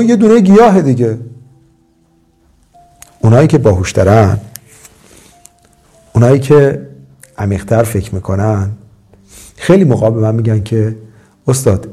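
A man's voice: mid-range voice, warm tone, slightly rough. A man teaching an English course, lecturing emphatically and slipping English phrases into his talk.

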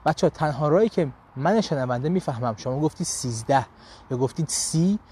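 A man's voice: a little high, animated, darkish tone, slight background noise. A man teaching a live online language lesson, with a Persian accent in his English, talking animatedly and checking in with his students often.

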